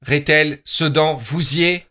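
A man's voice: a little high, slow, bright, forceful tone, a little hiss or hum. A man hosting a comedy podcast game, laughing often and announcing regions and towns with playful emphasis. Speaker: podcast host running a regional accent game. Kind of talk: casual comedic chat.

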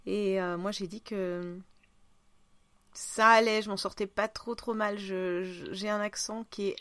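A woman's voice: medium pitch, fairly even intonation, measured pace, a bit bright, no echo. Woman, southern French accent, casual podcast chat, teasing, dry close mic. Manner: chatty, laughing, teasing. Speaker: podcast co-host.

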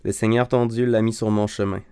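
Guy doing jacob, young son, uneasy trickster, lowish voice. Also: little pitch movement, brisk, dark tone, clear, resonant tone, close to an everyday voice.

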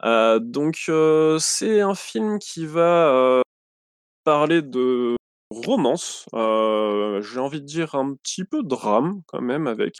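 A man's voice: medium pitch, expressive, takes it slowly, clean tone, no echo, clean studio sound. Rambling man chatting on a podcast. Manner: rambling, many fillers and self-corrections. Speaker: podcast co-host presenting a film. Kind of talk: casual podcast chat.

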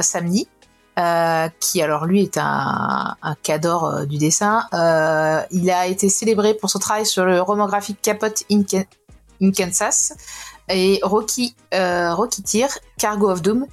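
A young woman with a slightly nasal, stuffy voice from a cold, reviewing a comic in a casual, hesitant podcast chat. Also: medium pitch. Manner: hesitant, frequent pauses and restarts.

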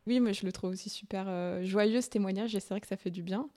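A woman's voice: medium pitch, fast, dark tone. A woman panelist who talks in a hesitant, self-deprecating way and laughs often during a casual discussion.

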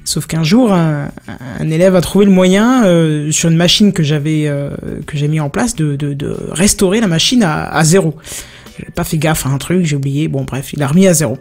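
A man's voice: moderate pace, soft background music. A man telling a long anecdote in casual chat, rambling, with plenty of fillers. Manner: rambling, animated storytelling with many fillers; puts on a high-pitched voice for a phone agent. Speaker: podcast co-host.

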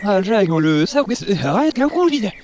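A man's voice: high-pitched, very animated, moderate pace, a little mellow, a little hiss or hum. A man in a comedy sketch whose speech is played backwards, so it comes out as garbled, sing-song syllables.

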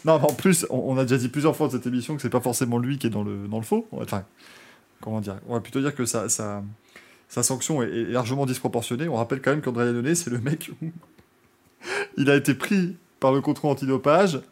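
A man's voice: medium pitch, fast, a little mellow. A man hosting a motorsport podcast, chatting casually and joking, rambling with frequent restarts. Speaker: podcast host.

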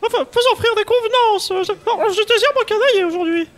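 A man's voice: very high voice, quick pace, a bit bright. A man playing a stammering, giggly auditioner who reads a pompous king's lines in a comedy sketch.

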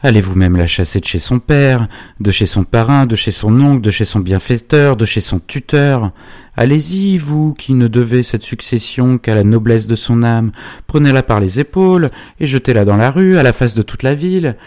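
A man playing an upright older magistrate, speaking with forceful, declamatory authority. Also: low-pitched, little pitch movement, moderate pace, dry recording, clean studio sound, close to an everyday voice. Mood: indignant.

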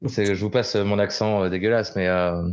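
A man's voice: lowish voice, fairly even intonation, moderate pace, a little hiss or hum. A man hosting a casual podcast, telling rambling stories and swearing casually. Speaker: host.

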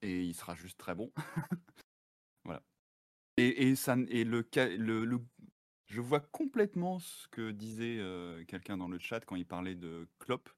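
A man's voice: lowish voice, very animated, a little slow, no echo, studio quality. A man chatting casually as a guest on a live stream, laughing often and slipping English words into his speech.

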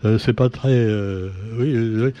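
A man's voice: fairly low pitch, unhurried. A man hosting a casual press review, chatty and sarcastic, with many fillers and asides. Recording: dull lo-fi sound.

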